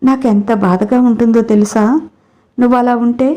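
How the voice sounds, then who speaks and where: A woman's voice: a little high, steady tone, moderate pace, mellow, natural voice. A woman voicing a young wife, the landlord's daughter, who pleads and scolds with strong feeling as she reads a storybook. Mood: hurt. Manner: emotional, scolding. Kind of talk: storybook character reading.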